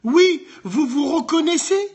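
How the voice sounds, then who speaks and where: A man's voice: very high voice, lively intonation, unhurried, darkish tone. A man hosting a live call-in debate in blunt slang with Arabic interjections. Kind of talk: heated casual debate in French street slang.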